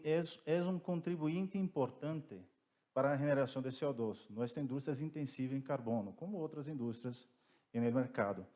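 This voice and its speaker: A man with a Brazilian Portuguese accent giving panel remarks in careful, deliberate Spanish mixed with Portuguese, as a native Portuguese speaker. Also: medium pitch, warm tone. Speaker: petrochemical company representative, panelist. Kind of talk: prepared remarks at a conference panel.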